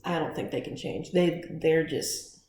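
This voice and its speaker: A woman's voice: sits low, a little slow, darkish tone. A young adult woman hosting a casual podcast chat, talkative and giggly, often trailing off mid-thought. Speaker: podcast host. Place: echoey room. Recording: roomy echo, faint noise.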